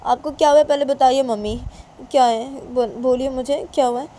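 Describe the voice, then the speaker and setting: A woman's voice: high voice, steady tone, fairly quick, mellow, pitched above the performer's own voice, close to an everyday voice. A woman doing an insistent young daughter. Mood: pleading. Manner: pleading, insistent questioning.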